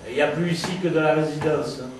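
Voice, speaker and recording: An actor plays a needling old friend who teases a returning companion. His voice is high for a man. It echoes around a theatre stage, picked up from a distance with faint room noise. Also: steady tone, fast, close to an everyday voice. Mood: teasing. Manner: needling, teasing. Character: teasing old male friend, wistful. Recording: echoey stage recorded from afar.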